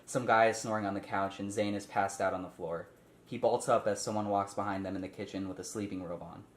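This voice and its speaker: Speaking fast in a steady tone, a man with a fairly low voice guides a casual table read, voicing stage directions and adding informal explanations. Faint noise and echo fill the room.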